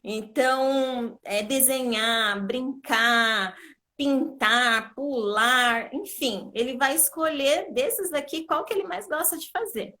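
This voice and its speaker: A woman's voice: high voice, takes it slowly, sharp tone. A woman educator teaching on a live video call, explaining step by step in a patient way and often checking that she is understood. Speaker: literacy educator.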